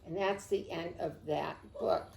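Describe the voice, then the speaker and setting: A woman librarian reading a picture book aloud to children, expressive and unhurried, praising the kids by name. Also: mid-range voice, vocal fry. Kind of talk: storytime read-aloud. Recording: roomy echo.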